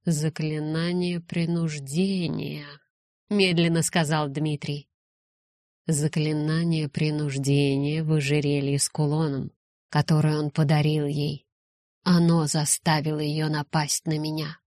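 A woman reading a calm impassive male guardian. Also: low voice, no room sound, studio quality. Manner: slow, flat, composed.

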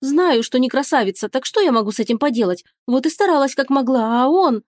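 A woman's voice: fairly high pitch, animated, fairly quick, no echo, clean studio sound, close to an everyday voice. A woman voicing a feisty, theatrical young princess who exclaims and plays at tears, in an audiobook. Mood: mock-tearful. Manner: loud, exclaiming, mock-tearful. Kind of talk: audiobook character reading.

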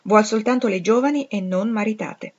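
A woman's voice: medium pitch, moderate pace, highs cut off, voice pushed up, lightly acted. A woman voicing a hesitant, deferential male household servant. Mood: reporting. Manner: deferential, reluctant.

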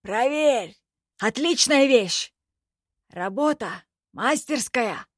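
A sly veteran elf warrior from a fantasy storybook, as a woman puts him on. He talks slowly and deliberately, in a voice raised a little above her own. The recording is close and dry. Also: fairly high pitch, expressive, dry recording, voice pushed up. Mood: crafty.

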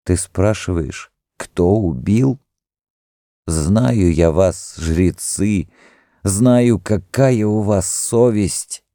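A man's voice: drawn-out words, mellow, no echo, studio quality, full character voice. A man reading an audiobook, voicing a grief-maddened young mother who screams and wails. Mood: frantic confession. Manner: screaming, sobbing, raised to a shrill cry.

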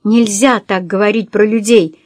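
A woman's voice: medium pitch, steady tone, moderate pace, a little mellow, no echo, clean studio sound, lightly acted. A woman reading as a serious, humorless girl. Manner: grumbling, serious.

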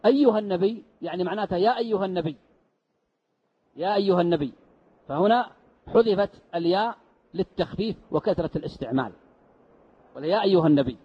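A man's voice: high voice, animated, fast, long pauses, husky. A man teaching a mosque lesson, explaining step by step and answering his own rhetorical questions. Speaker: sheikh teaching Quran commentary. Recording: dull lo-fi lesson recording.

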